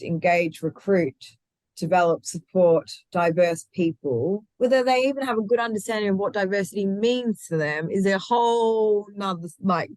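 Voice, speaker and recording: A medium-pitched woman with a darkish tone is heard with no echo. The founder of a recruitment firm, she's an interview guest who talks passionately in a conversational style, often starting sentences over and laughing readily.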